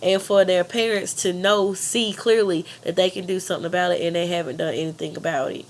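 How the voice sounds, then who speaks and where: A woman's voice: on the low side, fairly even intonation, fairly quick. A woman with a country accent and a congested, pinched-nose nasal sound from being sick, earnestly giving an informal persuasive presentation. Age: adult.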